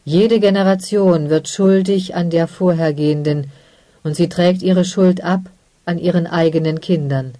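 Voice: mid-range voice, steady tone, measured pace, warm tone, no room sound, lightly acted. Vorleser als feierlicher Zeremonienmeister. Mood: solemn. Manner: formal, declaiming ritual words. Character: solemn male master of ceremonies.

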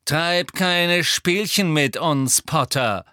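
A man voicing a cold, commanding adult wizard with slow, clipped speech. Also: fairly high pitch, sharp tone, no echo, clean studio sound, voice pushed up.

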